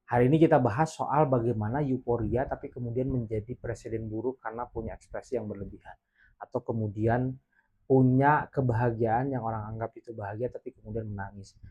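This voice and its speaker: A man's voice: medium pitch, steady tone, a little fast, dark tone, slightly rough, highs cut off. A man hosting a casual podcast, putting probing questions with frequent fillers. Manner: asks probing questions, hesitant with many fillers. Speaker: podcast host.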